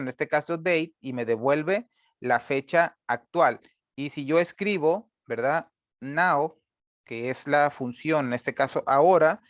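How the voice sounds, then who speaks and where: A man teaching a screen-recorded programming lesson, patient and step by step, filling pauses with "eh" and checking in with "¿verdad?". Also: on the high side, no room sound, muffled recording. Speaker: instructor.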